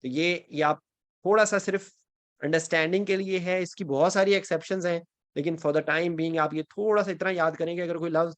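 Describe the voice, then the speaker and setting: This Quran and Arabic grammar teacher has a voice on the high side, steady and a bit bright, captured in a dry recording. During his online grammar class he explains each step and keeps checking in with students, blending English phrases into Urdu.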